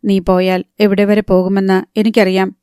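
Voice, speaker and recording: A woman's voice: medium pitch, flat delivery, moderate pace, warm tone, clean tone, no room sound, clean studio sound, natural voice. Woman reading as a sullen, curt young husband. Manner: short, cold replies.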